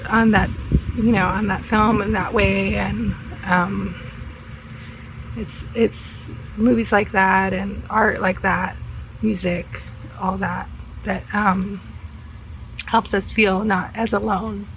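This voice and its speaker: A woman's voice: medium pitch, slight background noise, low-quality recording. A middle-aged woman sharing a personal story in a reflective, hesitant way, with frequent fillers. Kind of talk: recorded personal testimony.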